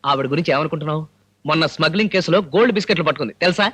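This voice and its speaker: An actor playing a scheming male con man in a film comedy scene. He talks fast and wheedles his way out of every charge. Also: on the high side, bright, forceful tone, breathy edge. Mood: pleading. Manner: fast, wheedling excuse-making.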